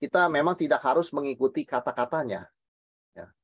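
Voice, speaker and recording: A man, a pastor, teaching a Bible study in a lively, emphatic way, asking and answering his own questions and mixing in English words. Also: a little high, fairly quick, breathy edge, no room sound, muffled recording.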